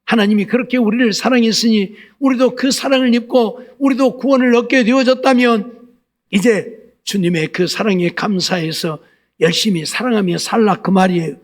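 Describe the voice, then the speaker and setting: A man's voice: sits high, moderate pace. A male pastor preaching a folksy Sunday sermon, exhorting the congregation with constant rhetorical questions.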